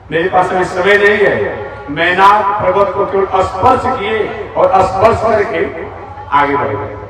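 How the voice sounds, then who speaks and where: A man giving a devotional sermon to a large outdoor gathering, slowly chanting Sanskrit verses and then explaining them. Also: high voice. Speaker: religious preacher. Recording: echoey public-address sound from far off.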